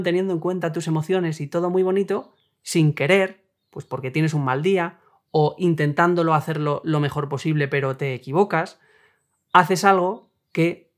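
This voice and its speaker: A young adult man, hosting a self-help video and calmly explaining ideas with worked examples. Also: fairly high pitch. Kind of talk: explanatory talk on relationships.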